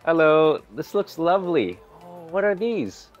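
This food vlogger, a man in his forties, sounds a little high and sing-song, speaking a bit slowly over soft background music on a lo-fi recording. His casual narration of a hotel buffet restaurant walk-through is upbeat and chatty, with warm greetings to staff.

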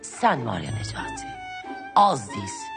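A stern, scolding wife. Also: female voice, a bass voice, big pitch swings, normal speed, vocal fry, music in the background, heavily acted. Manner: firm, scolding. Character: stern wife Ayten refusing her husband, woman.

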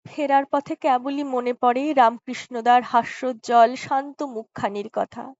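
High, slow female storyteller. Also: no echo. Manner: slow, soft dramatic reading with acted dialogue. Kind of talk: audiobook story narration. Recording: dry, slightly dull lo-fi recording.

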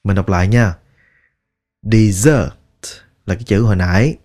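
A man teaching English pronunciation, drilling each word slowly and repeating it many times. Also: deep voice, steady tone, a little mellow. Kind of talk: slow, deliberate pronunciation lesson.

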